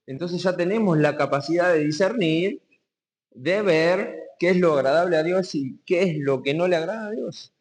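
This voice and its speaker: A man from Argentina with a Rioplatense accent, preaching a sermon to his congregation, asking them questions, and reading verses slowly with emphasis before explaining key words. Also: a little high. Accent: Rioplatense Spanish. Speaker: pastor. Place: community hall. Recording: long hall reverb.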